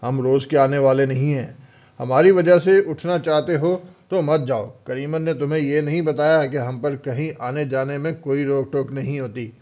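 A man's voice: mid-range voice, steady tone, darkish tone, natural voice. Brief: man playing a bitter street tough, threatening, muffled storybook audio. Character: bitter, menacing male thug, hissing.

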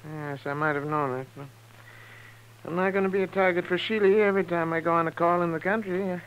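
An American actor playing a crusty, plucky Old West doctor with a halting, crotchety delivery, in 1950s radio western style. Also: male voice, fairly high pitch, steady tone, highs cut off, lightly acted. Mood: indignant, resolute. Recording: noisy 1950s radio recording with hum.

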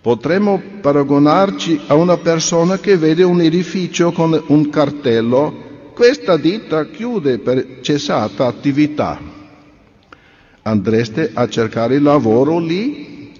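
A man delivering a sermon in an earnest, measured way, full of rhetorical questions to his listeners. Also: medium pitch, a little mellow. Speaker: speaker at a religious convention. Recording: dull reverberant recording.

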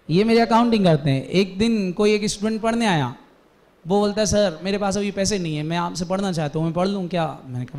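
A man with a high voice teaches a commerce class. He tells lively stories and keeps firing quick questions at his students. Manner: animated storytelling, quizzing students. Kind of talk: classroom lecture.

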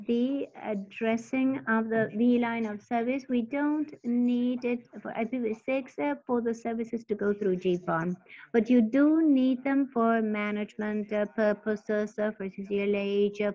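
A woman giving a technical presentation in a halting, stop-start way, interpreting for the speaker. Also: fairly high pitch, darkish tone. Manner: halting, stop-start delivery while explaining. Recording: dull lo-fi webinar audio.

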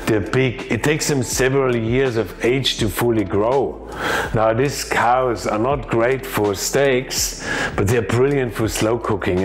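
A man, explaining a cooking lesson to camera in a home kitchen, chatty and emphatic. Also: mid-range voice. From Austria. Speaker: chef and cooking teacher.

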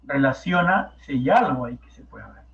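A man's voice: medium pitch, expressive, fairly quick, fairly bright tone. A male math teacher with a Peruvian Spanish accent, lecturing and coaxing students with constant rhetorical questions. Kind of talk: classroom lecture. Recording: echoey, dull lo-fi classroom recording.

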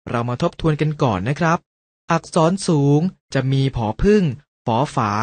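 In a clean recording with no echo, a man's mid-range voice leads young kids through a school lesson. As their teacher, he reads words and their pronunciations aloud one at a time, slowly and with care.

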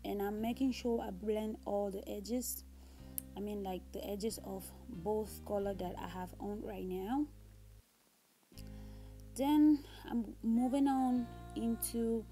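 A woman's voice: medium pitch, steady tone, slow pace, dark tone. A young woman chatting casually as a beauty vlogger giving a makeup tutorial, recorded on a phone in a room at home. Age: young adult. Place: small room at home, indoors. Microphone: smartphone at about arm's length. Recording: music playing behind the voice. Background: background music.

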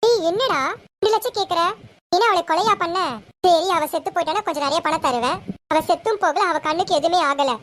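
An actress playing a scheming young woman in a TV serial, defensive and sharp when cornered. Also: extremely high pitch, a little fast, slight background noise. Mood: angry. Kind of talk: Tamil TV serial acting.

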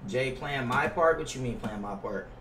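At a moderate pace, a young adult American man speaks in a slightly bright, mid-range voice while streaming games. His chat with viewers is casual, slangy, and profane, and he repeats himself often. It's recorded through a gaming headset mic in an indoor room, roomy and distant, with noise.

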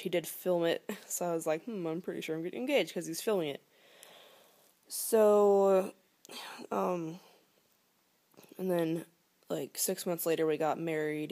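This low-leaning, mellow female voice belongs to a woman in her twenties talking casually to camera at home. Filmed close-up in the living room on a phone or laptop held near her, she rambles with lots of fillers and now and then slips into a whisper.

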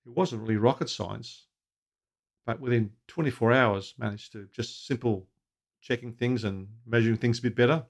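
A man's voice: mid-range voice, moderate pace, gravelly. A man in his sixties talking to camera from a home office, giving practical, anecdotal advice on running a restaurant and putting questions to viewers. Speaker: restaurant consultant. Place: home office with bookshelves, indoors. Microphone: webcam at desk.

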